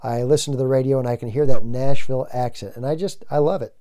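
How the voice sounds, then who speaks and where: Earnest male preacher, mellow voice. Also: mid-range voice, steady tone, fast talker. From United States. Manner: earnest, emphatic, rhetorical questions. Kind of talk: sermon.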